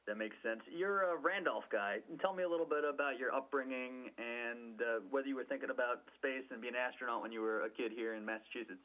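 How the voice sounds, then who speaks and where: A man's voice: mid-range voice, a little fast, few pauses. A man working as a reporter, asking chatty, courteous interview questions over a phone-like line. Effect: phone or radio line.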